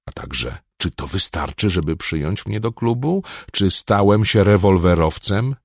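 A man voicing an aging priest, fervent and defiant in his last stand, with a deep gravelly husky voice. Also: lively intonation, unhurried, no echo, studio quality, exaggerated voice. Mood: wry, exalted.

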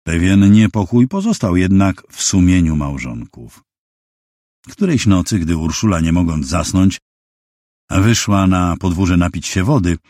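A man reading a novel aloud as an audiobook narrator, measured and expressive storytelling on a close mic. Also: deep voice, dry recording. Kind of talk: scripted literary narration.

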